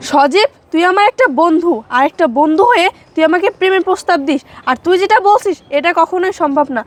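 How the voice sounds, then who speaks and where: A woman's voice: very high voice, quick pace, no echo. An actress playing a proud young woman who turns down a friend curtly and dismissively. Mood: scornful. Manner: curt, dismissive.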